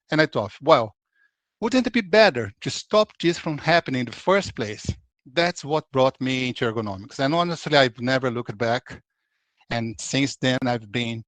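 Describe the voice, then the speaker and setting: A Brazilian man in his forties presents a webinar as a consultant, talking conversationally with a Brazilian accent and often restarting his sentences. His mid-range voice is slightly bright, and the recording has no room sound.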